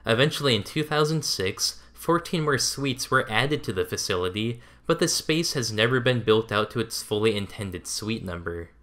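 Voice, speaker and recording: A man reading scripted documentary narration in an even, measured way. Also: medium pitch.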